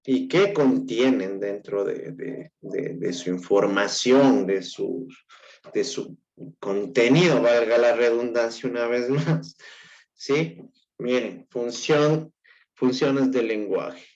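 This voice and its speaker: A male teacher giving an online class lecture, explaining slowly and haltingly with an Ecuadorian Spanish accent and checking in with his students again and again. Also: medium pitch, creaky, a little mellow. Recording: dull lo-fi recording.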